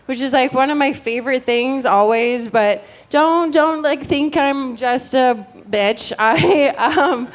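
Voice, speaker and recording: Higher-voiced middle-aged female stand-up comic. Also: slow pace, few pauses. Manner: chatty, rambling, addresses the crowd directly. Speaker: stand-up comedian. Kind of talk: stand-up comedy.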